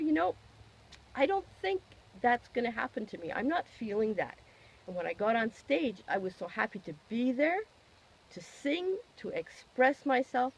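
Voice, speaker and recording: A woman gives a personal testimonial, expressive and emphatic, asking herself questions and then answering them. Her voice is fairly high and husky, and the audio sounds dull.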